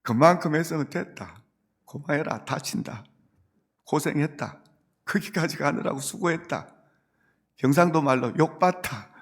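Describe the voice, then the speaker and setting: A man's voice: fairly high pitch, lively intonation, normal speed. A male pastor, preaching a sermon earnestly and rising to emphatic points. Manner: earnest preaching, quoting Jesus gently, building to emphatic points.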